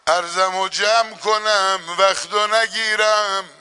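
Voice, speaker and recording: A man leading a religious mourning gathering. He moves between drawn-out chanted lament lines and quick, hushed storytelling. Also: high voice, level tone, clear, resonant tone.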